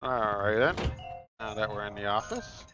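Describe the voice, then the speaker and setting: A man streaming live gameplay commentary, talking in an excitable, crude, joking way. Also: lowish voice, moderate pace. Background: game music.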